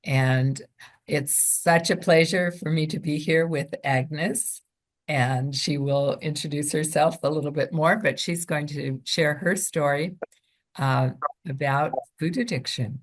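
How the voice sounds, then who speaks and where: A woman's voice: sits low, takes it slowly. A woman host introducing an interview guest in a welcoming way, with a few fillers.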